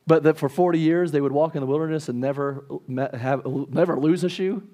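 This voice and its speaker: A man in his thirties delivers a sermon with a high, bright pitch. He tells the story with energy and acts out the people's complaints, stumbling over repeated words and restarting as he goes. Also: brisk. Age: 30s. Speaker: pastor.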